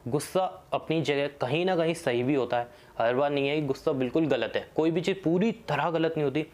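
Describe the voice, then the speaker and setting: A man's voice: medium pitch, a little mellow. A young man hosting a casual advice talk, speaking conversationally and often checking in with "theek hai". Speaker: host.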